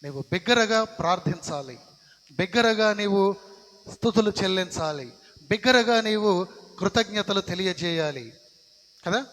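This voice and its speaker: Preaching as pastor in a church sanctuary, a man speaks in a high, somewhat bright voice with lively intonation, going a little slowly and pausing often. He drives points home by repeating phrases, all under the long echo of the church hall.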